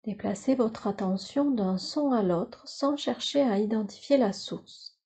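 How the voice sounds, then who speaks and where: Here a female yoga nidra instructor talks listeners through relaxation with soothing, measured, instructional phrasing. Her voice is husky and on the high side.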